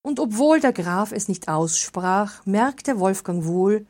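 A woman calmly reading a fairy tale aloud as narrator. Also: medium pitch, slow pace. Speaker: storyteller.

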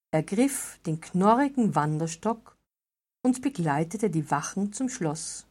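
A woman narrating a fairy tale in a steady, deliberate reading. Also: lowish voice. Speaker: storyteller.

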